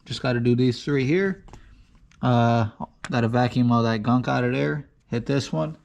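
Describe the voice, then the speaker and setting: A man talks through his engine rebuild in a casual garage vlog. His delivery stays flat and monotone even when he says he is excited, at a pitch typical for a man. The talk is loose and chatty, as he works in his home workshop. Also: moderate pace, creaky. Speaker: car build vlogger.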